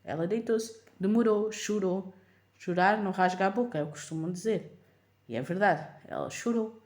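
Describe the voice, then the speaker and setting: A woman's voice: mid-range voice, normal speed, a little mellow. A young woman with a European Portuguese accent, a mother casually retelling a story to her vlog audience with emphasis. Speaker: mother of a toddler.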